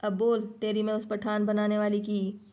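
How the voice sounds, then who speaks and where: A woman playing a furious shouting clerk. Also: medium pitch, completely flat delivery, moderate pace, close to an everyday voice. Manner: shouting insults. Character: thin male clerk, excitable and furious.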